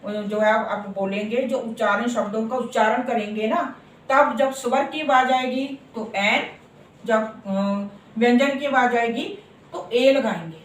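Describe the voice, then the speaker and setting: A woman's voice: on the high side, recorded from a distance, slight background noise. Woman teaching grammar in an echoey room. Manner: repeats words slowly and asks for agreement. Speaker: English teacher. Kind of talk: classroom grammar lesson.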